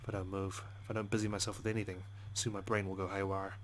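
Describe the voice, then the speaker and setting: Quick-paced and with little pitch variation, a man with a deep voice narrates a visual novel for a let's play, cursing frequently and adding commentary of his own. Noticeable background noise accompanies him.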